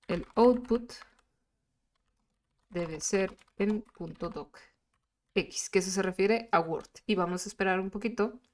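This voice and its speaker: A woman teacher, explaining patiently with many pauses and filler sounds in a screen-recorded lesson. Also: medium pitch.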